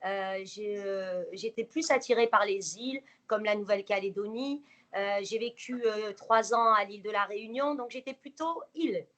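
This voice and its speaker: A woman's voice: medium pitch, normal speed, fairly bright tone. A woman in her forties telling her life story to a small group, with many fillers and hesitations. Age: 40s. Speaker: guest speaker.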